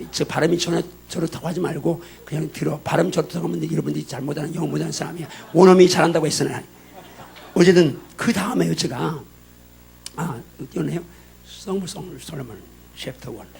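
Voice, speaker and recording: An older male pastor delivers a sermon in a slightly high, gravelly voice. He jokes and laughs with the congregation, then drives his points home with emphatic, building exhortation. Faint hum behind him. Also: a little mellow. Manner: joking, chatty preaching with frequent laughs; emphatic exhortation, rising in volume. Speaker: guest pastor.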